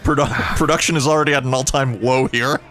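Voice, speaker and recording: A man co-hosting a let's play, teasing his friend with sarcastic jokes and quick giggles. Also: medium pitch, steady tone, over a noisy crowd. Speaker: co-host of a gaming let's play. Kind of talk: casual let's play banter.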